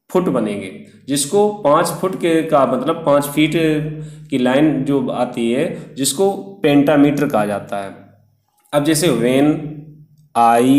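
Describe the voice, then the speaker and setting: A man's voice: mid-range voice, darkish tone. Patient male teacher in an echoey room. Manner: patient, step-by-step, counting out syllables. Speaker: English teacher. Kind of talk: explanatory lesson.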